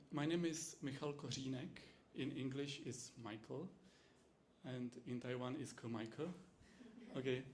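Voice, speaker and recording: A university lecturer from the Czech Republic gives a teaching demonstration in his second language, English, speaking haltingly with many fillers and restarts. His Czech-accented voice is gravelly and medium-pitched. There's a little hiss or hum in the recording.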